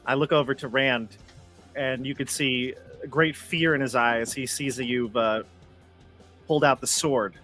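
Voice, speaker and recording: A man's voice: mid-range voice, steady tone, a little slow, a bit bright, faint music behind. A man narrating his character's actions in a tabletop game, playful and teasing. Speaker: player.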